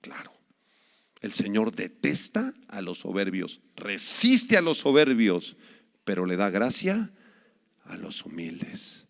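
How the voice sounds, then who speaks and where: A male pastor preaching a sermon emphatically, with dramatic swings in loudness, recorded in a reverberant hall. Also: on the low side, wildly swooping pitch, slow, vocal fry.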